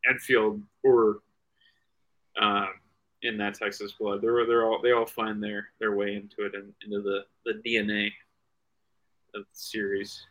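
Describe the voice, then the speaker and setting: Guest, male, low pitch, bright tone, rambling, restarts a lot. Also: level tone, measured pace, long pauses, low-quality recording. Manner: rambling, many restarts and "you know"s. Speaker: guest comic writer. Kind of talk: casual video-call interview.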